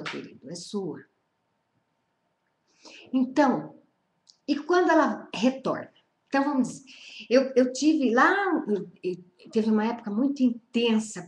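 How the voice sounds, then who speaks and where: A woman leading a spiritual study group, talking informally and repeating phrases as she checks in with her listeners. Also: a little high. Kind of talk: informal spiritual teaching talk. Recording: roomy echo.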